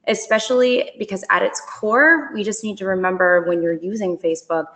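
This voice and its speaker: A woman's voice: medium pitch, steady tone, normal speed, a bit bright. A woman presenting a marketing webinar in a chatty, upbeat way, laughing often. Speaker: company presenter.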